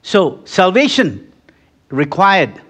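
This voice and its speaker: A man's voice: high-pitched, huge pitch swings, takes it slowly, fairly bright tone. A man preaching a sermon in a conversational way, acting out little scenes and building to fervent peaks, with many restarts. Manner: frequent restarts and repeated words. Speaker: pastor.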